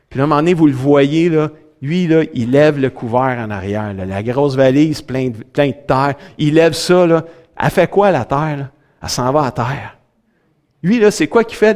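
Middle-aged Québécois male pastor, high voice, lively preacher swinging loud to soft. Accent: Québécois French. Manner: fills with "là", talks directly to the congregation. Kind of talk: sermon.

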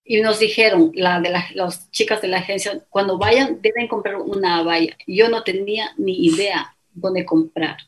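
A middle-aged woman with an Ecuadorian Spanish accent tells her story as a guest in a casual interview, speaking at a moderate pace with a medium-pitched voice and few pauses over a rough recording. She's animated, uses lots of fillers and acts out what other people said as dialogue.

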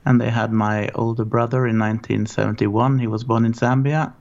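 Man from Norway, 40s, gravelly, flat low delivery, rambling guest on a dull call line. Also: a little fast. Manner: relaxed, rambling storytelling. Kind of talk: casual interview.

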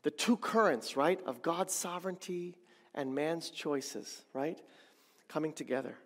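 Male elder preaching, bright mid-high voice, emphatic with repeated phrases; reverberant sanctuary sound. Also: a little slow. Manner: emphatic, repeats phrases, asks the congregation questions. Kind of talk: sermon. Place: church sanctuary. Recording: long reverb of a church hall.

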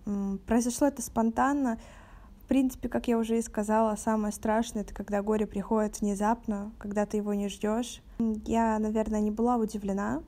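An eighteen-year-old woman from Russia hosting a podcast, speaking in a calm, measured, earnest way. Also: medium pitch. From Novorossiysk, Russia. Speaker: podcast host. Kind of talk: podcast talk.

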